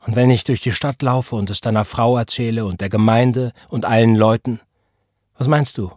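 A man's voice: mid-range voice, fairly even intonation, normal speed, a little mellow, no room sound, close to an everyday voice. A man reading the part of a bitter, defiant young pregnant woman who speaks in a cold, taunting, accusing way.

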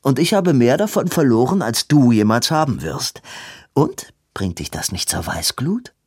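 A man's voice: medium pitch, sing-song, a little mellow, breathy edge, no echo, studio quality. A man doing a bitter, hissing young man. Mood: urgent, bitter. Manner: tense, hissing, quick. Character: urgent, bitter young man asking for help.

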